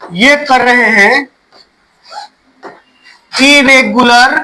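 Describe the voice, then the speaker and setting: A man's voice: extremely high pitch, extremely slow, bright, forceful tone, low-quality recording. A male teacher giving a classroom grammar lesson, quizzing students, repeating their answers and spelling words letter by letter.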